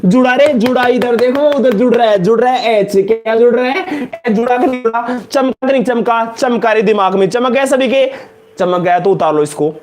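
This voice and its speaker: Male chemistry lecturer with a Rajasthani Hindi accent and a high voice. Loud, emphatic, drills each point by repeating questions to the students. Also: normal speed. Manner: repeats questions to students, calls them beta and janab. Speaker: chemistry teacher. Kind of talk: live online lecture in Hindi.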